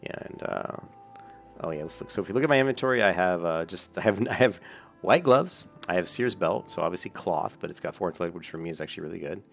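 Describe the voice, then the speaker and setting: A man's voice: sits low, lively intonation, quick pace, vocal fry, faint music behind. A man hosting his gaming channel, talking through his gameplay in a chatty, rambling way from a desk mic at home. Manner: chatty, rambling, self-correcting. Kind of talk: casual gameplay commentary. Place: home room at a large desk.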